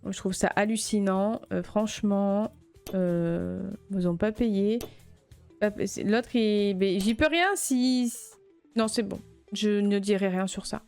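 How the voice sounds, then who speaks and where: A woman's voice: medium pitch, slow pace, smooth, soft background music. A woman streaming a video game, chatting playfully with the game's customers and breaking into flustered outbursts when things go wrong. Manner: flustered outbursts and shouting at chaos. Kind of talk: let's play commentary.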